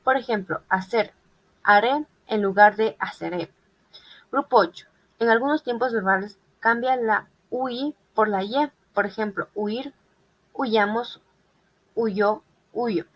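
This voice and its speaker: Reading slowly from a group class presentation, a female student works through examples of irregular verbs one by one. Her voice sits on the high side, and the audio has its highs cut off.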